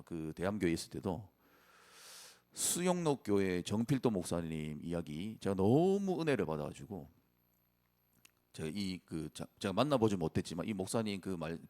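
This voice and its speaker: A man's voice: deep voice, darkish tone. A male pastor preaching an earnest sermon and reading scripture aloud to his congregation.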